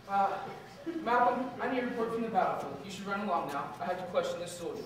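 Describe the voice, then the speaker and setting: A man's voice: high voice, expressive, fast talker, far from the mic. Guy acting a stingy oblivious king in a comedy kids play, very echoey room, faint noise. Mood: dismissive, brisk. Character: blustering, stingy, dismissive king, comically oblivious. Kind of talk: comic stage play acting for children.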